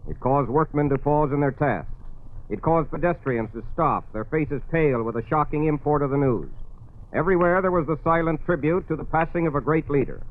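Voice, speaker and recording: A male news commentator giving formal, measured radio commentary in a solemn tone, heard as an old 1940s broadcast. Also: a little high, narrow, tinny audio.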